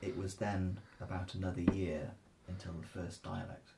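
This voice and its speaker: A man conducting a local history interview in a measured, tentative way, choosing his phrasing carefully. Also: flat delivery, gravelly. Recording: faint noise with low rumble.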